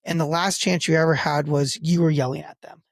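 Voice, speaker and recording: A man in his thirties co-hosting a casual talk show about parenting, telling stories with lively acted-out quotes. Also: a little high, fairly quick, creaky, dry recording, clean studio sound. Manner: animated storyteller who acts out quoted lines. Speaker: podcast co-host, father.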